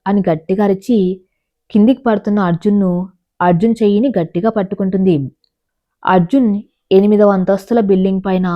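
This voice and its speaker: Calm female storyteller, mid-pitched, measured delivery, slightly muffled lo-fi recording. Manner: calm, measured storytelling, reading quoted lines in the same voice. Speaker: narrator. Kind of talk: storytelling narration. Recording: dull lo-fi recording.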